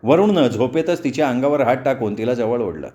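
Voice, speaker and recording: A man reading a novel aloud as a storyteller, measured and expressive. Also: medium pitch. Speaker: audiobook storyteller. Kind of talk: novel narration.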